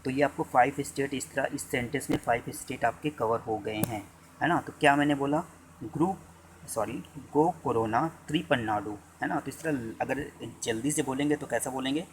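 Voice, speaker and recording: A male teacher gives an exam-prep lecture, repeating phrases and dictating them slowly for students to note. His pitch sits in an ordinary middle range. A faint noise runs under the recording. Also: rough recording.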